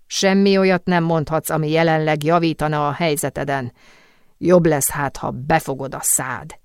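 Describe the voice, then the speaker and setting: A woman's voice: deep voice, steady tone, a little mellow, clean tone, no room sound, studio quality. Woman voicing a stern commanding marshal. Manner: curt, commanding.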